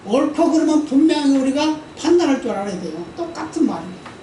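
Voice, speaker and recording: A woman pastor delivers a conversational sermon in a church sanctuary during service, her high voice quick-paced, lively in intonation and dark in tone. She often asks the congregation for an amen and acts out the quoted speech in her stories. The distant mic catches her from afar in the roomy hall, with slight background noise.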